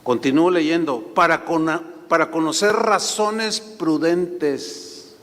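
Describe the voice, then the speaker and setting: A male pastor, preaching a sermon and telling animated anecdotes. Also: a little high, slow pace, in a large hall.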